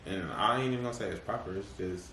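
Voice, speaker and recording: A man talks in a relaxed, slang-heavy way as a podcast guest, filling pauses with "like" and laughing easily. His voice sits at an ordinary pitch. The sound is roomy and set back from the mic, with a faint hiss behind. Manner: laid-back slang, many fillers, laughs often. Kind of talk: casual chat. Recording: echoey room, mic at a distance, faint noise.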